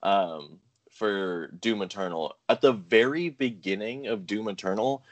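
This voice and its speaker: A man co-hosting a podcast in casual chat, animated and enthusiastic, often laughing. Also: lowish voice, unhurried. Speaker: podcast co-host.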